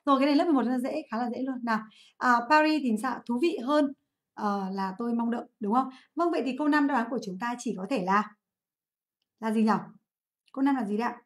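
A woman from Vietnam teaches an exam review lesson over a livestream, and her voice sits a little higher than most women's. She keeps asking the class questions and answering them herself. She repeats the practice words slowly so the students can follow. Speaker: English teacher.

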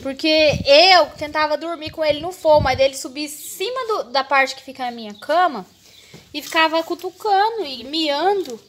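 A woman's voice: sits high, animated, moderate pace, a bit bright, slight background noise. A young Brazilian woman with a Brazilian Portuguese accent, vlogging casually at home and chatting to her viewers. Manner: chatty, addressing viewers as "gente". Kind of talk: casual vlog chat.

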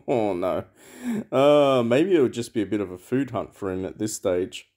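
A man's voice: fairly low pitch, moderate pace, a little mellow. A man giving rambling, casual commentary over a mobile game, thinking aloud with lots of fillers. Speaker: mobile game channel host.

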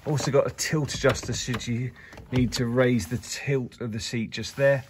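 An upbeat man shows off a used car in a walkaround video at an indoor car showroom. He's the dealer, filming with a camera he holds while walking and keeping up lively salesman patter. His medium-pitched voice is steady and moderately paced, with slight background noise.

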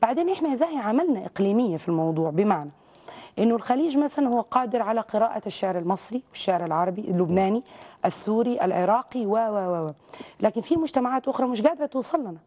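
Fast-talking, outspoken Saudi woman. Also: mid-range voice, animated, mellow. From Saudi Arabia. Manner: outspoken, rapid and emphatic. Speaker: guest, visual artist. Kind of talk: TV interview conversation.

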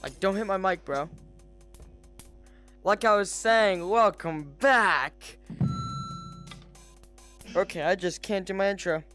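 A male gaming host with a high voice chats casually as he plays. He speaks slowly and haltingly, breaking off his own sentences, with faint music behind him. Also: bright, forceful tone. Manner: halting, self-interrupting rambling. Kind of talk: casual game commentary.

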